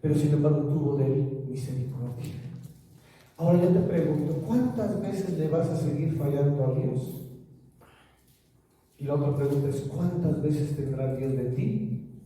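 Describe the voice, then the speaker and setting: Man, emphatic sermon, dark mellow tone, long reverb of a big church hall. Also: on the high side, measured pace, pauses often. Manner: emphatic, rising to loud exhortations. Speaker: preacher. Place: church sanctuary. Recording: echoey hall, speaker far from mic.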